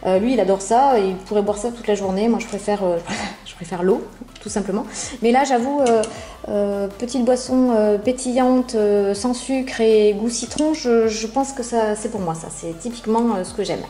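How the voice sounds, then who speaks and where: A woman's voice: on the high side, moderate pace, warm tone. A woman casually reviewing products from a subscription box, chatting with many hesitant fillers. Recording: roomy echo.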